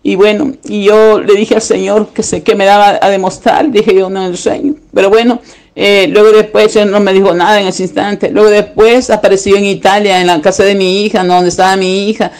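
A man's voice: sits high, little pitch movement, fairly quick, darkish tone, clean tone. A man telling a religious dream as testimony, in a rambling, repetitive and earnest way. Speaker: believer recounting a dream.

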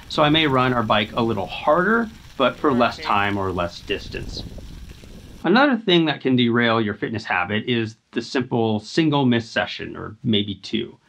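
A man in his thirties, hosting a scripted fitness explainer in an earnest, steady, instructive way, filmed in front of a home climbing wall. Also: mid-range voice. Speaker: host.

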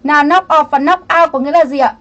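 A woman's voice: high voice, fast, fairly bright tone, dull audio. A woman teaching an English grammar lesson on a livestream, chatty, greeting viewers by name and explaining each answer option.

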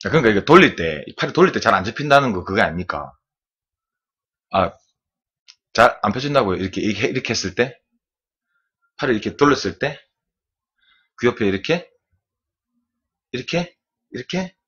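Very animated and fairly quick, with frequent pauses, this lowish, slightly bright and slightly rough voice comes through with the highs cut off. The sweating streamer, just out of the water, teaches arm strokes live from an indoor room, repeating "like this" with each demonstration.

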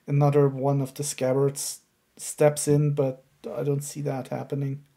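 A man's voice: mid-range voice, monotone, unhurried, gravelly, dark tone. A man in his thirties in a casual co-hosted chat about comics, laid-back and matter-of-fact. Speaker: co-host of a manga reaction show. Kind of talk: casual chat reviewing a manga chapter. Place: room at home, indoors.

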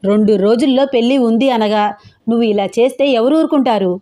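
A woman voicing a furious, haughty middle-aged mother who shouts scornfully at everyone in a storybook tale. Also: a little high, fairly quick, close to an everyday voice. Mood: shouting scornfully.

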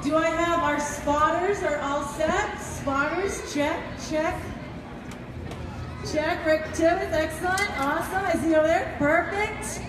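A woman's voice: very high voice, measured pace. A woman giving upbeat, encouraging, informal announcements as an event organizer to an outdoor crowd over a PA. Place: open-air fairground by a packed grandstand. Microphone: PA microphone, picked up by distant camera. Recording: echoing outdoor PA, crowd noise, distant pickup.

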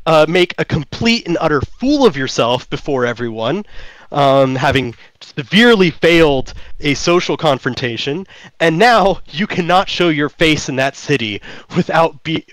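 A game designer whose first language is German answers interview questions about his tabletop game, using lots of fillers and restarting often. His voice is on the high side and a bit bright, in a dry, rough recording with no room sound.

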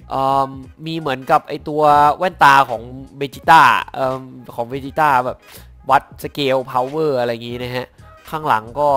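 A young man with a medium-pitched voice gives casual, excitable commentary as a gaming YouTuber reviewing skins. He swears now and then and stumbles a little when reading the lore.

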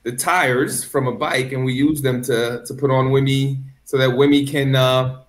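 A man explaining a recycled art project to children, in a friendly, gently hesitant way. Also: mid-range voice, steady tone, moderate pace. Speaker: art segment guest. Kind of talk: casual explaining to kids.

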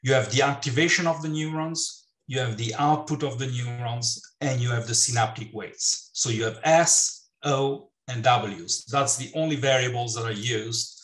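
An older man giving a keynote lecture over slides on a video call, talking in halting phrases with many restarts and fillers. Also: medium pitch, a bit bright. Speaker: keynote speaker. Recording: roomy, distant mic.

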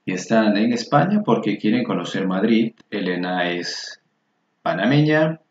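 A man with a lowish, lively voice walks through a Spanish lesson on a screen recording, unhurriedly spelling out every word form. The recording is roomy, dull and lo-fi, with slight background noise.

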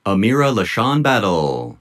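A man announcing graduates' names at an outdoor commencement ceremony, in a measured, deliberate manner. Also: on the low side, big pitch swings, fairly bright tone. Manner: measured, deliberate name-reading. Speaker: commencement name reader. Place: outdoor tent stage at a graduation.

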